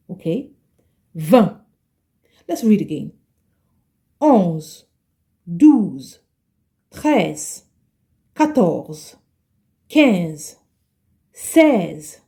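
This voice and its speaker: A woman teaching a French lesson, explaining patiently and repeating each word slowly, often checking in with "okay?". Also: fairly low pitch, dark tone. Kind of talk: slow explanatory language lesson.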